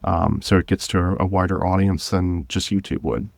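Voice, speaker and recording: A man who created a video podcast drama chats casually and earnestly as a podcast guest, rephrasing himself as he goes. His voice sits low with vocal fry and a slightly mellow quality, fairly even in intonation, at normal speed, with no room sound.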